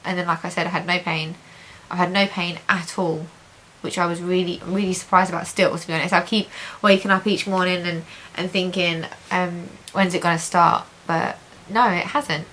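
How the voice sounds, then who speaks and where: A woman's voice: lowish voice, little pitch movement, normal speed, hardly any pauses, a bit bright, rough recording. A woman giving a casual video diary update, chatty and positive in an informal, conversational way. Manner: chatty, repeats intensifiers, positive and reassured. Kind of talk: casual chat to camera. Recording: hissy home recording.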